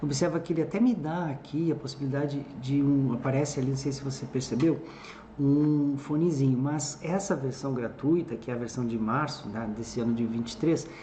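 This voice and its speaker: Male teacher, screen tutorial, mellow voice, echoey room. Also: medium pitch, fairly even intonation, brisk. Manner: explains step by step with frequent "tá?" check-ins. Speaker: English teacher. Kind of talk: screen-recorded tutorial narration. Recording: echoey room with faint background noise.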